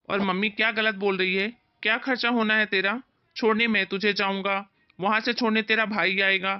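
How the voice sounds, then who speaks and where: Lady doing a stubborn cartoon husband, curt and gruff, muffled audio. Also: mid-range voice, close to an everyday voice. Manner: gruff, dismissive. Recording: dull lo-fi sound.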